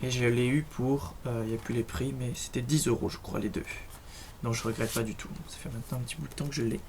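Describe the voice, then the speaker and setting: A young man talks through his collection at home in a relaxed show-and-tell, often pausing and restarting his sentences. His voice sits at a middle pitch. A faint hiss and clicking hang behind him. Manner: chatty, hesitant, many fillers and restarts. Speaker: collector showing his items. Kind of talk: casual show-and-tell vlog. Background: faint noise and clicks.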